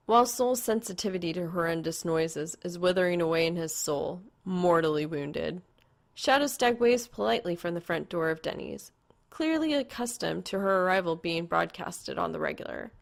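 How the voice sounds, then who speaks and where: A woman reads a fan fiction story from a script in a lowish voice with a distinctly creaky, gravelly edge. Her intonation is lively and her speed normal.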